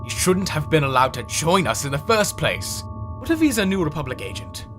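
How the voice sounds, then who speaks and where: A man's voice: a little high, sing-song, fairly quick. A man playing a proud, ambitious military general in a fan comic dub, with a haughty, intense delivery. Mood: indignant, urgent. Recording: music behind the voice.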